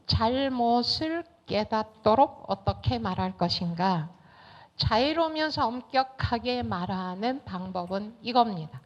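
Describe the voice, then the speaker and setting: A woman giving a lecture to teachers, acting out little dialogues between children, parents and teachers in an animated way. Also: fairly high pitch, measured pace. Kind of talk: lecture with acted-out dialogue examples. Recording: dull lo-fi lecture recording.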